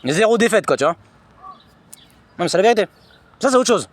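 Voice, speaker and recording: Fast, lively high-pitched man ranting. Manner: agitated, repetitive, slangy retelling. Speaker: vlogger recounting personal experiences. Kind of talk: personal storytelling monologue.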